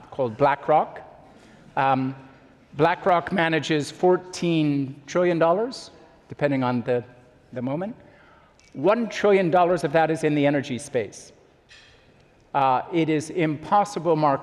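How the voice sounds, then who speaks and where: Guy hosting a stage chat, kinda high voice, friendly, stop-start phrasing, big hall reverb. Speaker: moderator introducing a guest. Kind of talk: informal on-stage introduction and interview. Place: conference hall during a meal, microphone.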